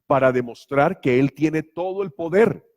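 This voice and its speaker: A man's voice: on the high side, normal speed, darkish tone. A man preaching a sermon as pastor, emphatic and full of rhetorical questions. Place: church.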